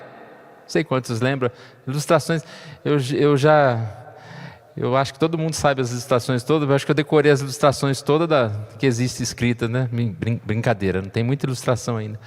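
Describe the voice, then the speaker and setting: A man preaching a sermon as pastor, chatty and joking, checking in with his listeners often. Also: a little high. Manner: conversational, frequent tag questions, light humor. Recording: long reverb of a church hall.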